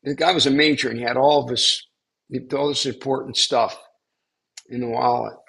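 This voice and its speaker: A man's voice: mid-range voice, steady tone, normal speed, gravelly, bright, forceful tone, husky. An older man, a spiritual teacher, tells a story to a small class in a rambling way, with many restarts and fillers.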